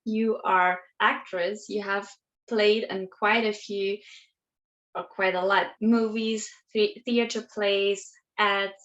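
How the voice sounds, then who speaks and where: A woman's voice: medium pitch, fairly even intonation, takes it slowly, fairly bright tone. Upbeat woman host, dull audio. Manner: upbeat, encouraging, some hesitations. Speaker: interview host. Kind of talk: online interview show.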